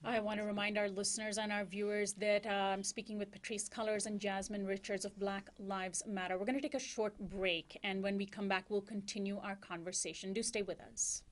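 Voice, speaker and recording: A woman hosting a talk show, interviewing guests in a studio in a measured way with frequent "uh" fillers. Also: mid-range voice, fairly even intonation. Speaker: radio and TV show host.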